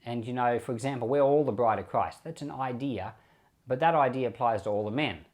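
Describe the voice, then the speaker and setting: A slightly mellow man's voice of medium pitch moves a little fast. The speaker, an Australian pastor with a Bible podcast, explains scripture informally as if chatting, often repeating short phrases.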